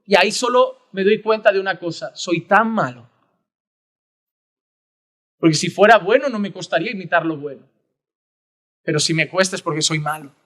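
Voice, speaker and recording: A man preaching a sermon as pastor, earnest, rising to loud emphasis and dropping to hushed prayer. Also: sits high, normal speed, long pauses.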